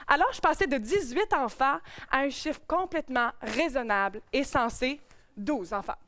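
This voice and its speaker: A young woman with a Québécois French accent opens a live cabaret show with a stand-up monologue. Her voice sits high, and her delivery is playful and self-mocking as she addresses the audience from the stage. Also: normal speed, a bit bright. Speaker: host.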